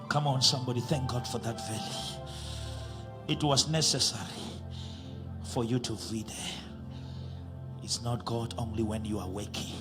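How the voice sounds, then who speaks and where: A man preaching a Pentecostal sermon as a bishop into a pulpit microphone, dropping to hushed whispers and rising to shouted climaxes, and mixing in English phrases. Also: medium pitch. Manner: mixes English phrases into his own language mid-sentence.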